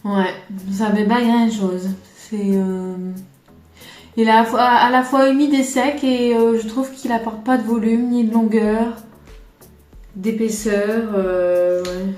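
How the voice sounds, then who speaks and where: A woman's voice: on the high side, steady tone, slow pace, a little mellow. A woman from France chatting through a casual makeup tutorial, rambling and poking fun at herself, filmed on a camera on a tripod. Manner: chatty and self-deprecating, rambling asides. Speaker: makeup vlogger. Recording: roomy room, faint music behind.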